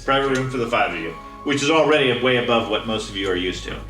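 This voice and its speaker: A man's voice: medium pitch, lively intonation, quick pace, bright, forceful tone. A middle-aged man narrating a tabletop role-playing game as the game master. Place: indoor room. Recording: echoey room, distant mic, faint music.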